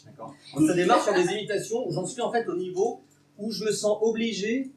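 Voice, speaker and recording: A man's voice: sits high, brisk. A young man from Bordeaux doing his first live stand-up set, nervous, rambling and self-mocking. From Bordeaux, France. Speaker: stand-up comedian. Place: live comedy venue with audience. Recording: echoey venue from far mic, noisy.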